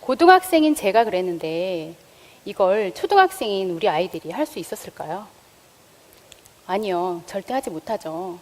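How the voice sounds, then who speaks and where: A woman's voice: medium pitch, lively intonation, moderate pace. A woman school health teacher giving a public lecture, drawing in the audience with questions. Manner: engaging, asks the audience questions. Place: lecture stage before an audience. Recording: long reverb of a lecture hall.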